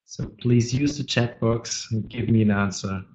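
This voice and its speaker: A man who is not a native English speaker presents a live trading webinar, talking haltingly and searching for words while he has a cold. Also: mid-range voice, fairly even intonation, darkish tone. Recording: dull lo-fi webinar audio.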